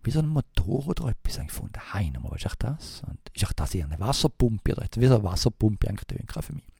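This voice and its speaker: A man with a Swiss German accent telling a rambling anecdote in a casual way, halting often with fillers and restarts and imitating thumping sounds. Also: fairly low pitch, very animated, creaky, a little mellow, husky, no room sound, studio quality. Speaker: storyteller.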